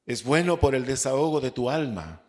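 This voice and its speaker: A man's voice: mid-range voice, lively intonation, a little mellow. A man with a Chilean accent, a pastor preaching a Bible study sermon, repeating key words and asking the congregation rhetorical questions. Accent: Chilean Spanish. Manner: slow, drawn-out preaching with rhetorical questions and repetition.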